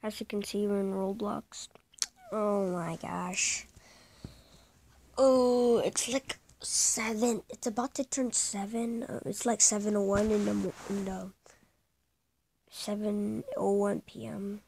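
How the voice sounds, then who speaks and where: A woman's voice: mid-range voice, fairly even intonation, slow pace, vocal fry, slight background noise. A woman hosting a casual gaming video, rambling with lots of hesitant ums as she talks through the game. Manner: hushed at times so as not to wake someone. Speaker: gaming channel host.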